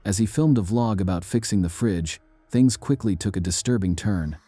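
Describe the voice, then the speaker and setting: A man giving a measured, ominous scripted narration of eerie true stories. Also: on the low side, mellow.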